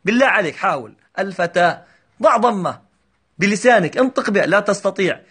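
Guy with a high voice teaching grammar, patient, keeps repeating examples and asking if you got it. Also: animated, fairly bright tone, breathy edge. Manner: patient, repeats examples slowly and checks understanding. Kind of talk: grammar lesson explanation.

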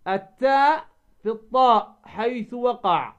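A man teaching Quran recitation rules, drawing out example words slowly and asking himself questions, then answering them. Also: very high voice, animated, fairly bright tone, smooth, highs cut off. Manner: slow, drawn-out demonstration of recited words; asks and answers his own questions. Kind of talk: tajweed lesson.

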